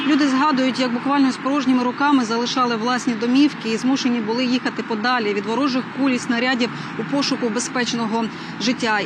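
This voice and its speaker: A woman field reporter delivering a live news report outdoors on a city street, brisk and fluent. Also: a little high. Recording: street noise behind. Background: traffic and street noise.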